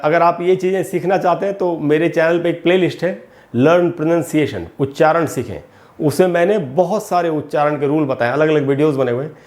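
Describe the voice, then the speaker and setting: A man with a voice a little higher than most men's teaches English grammar in Hindi. He takes each term slowly, repeats it, and keeps calling his viewers friends. He speaks into a close mic with no room sound. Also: darkish tone.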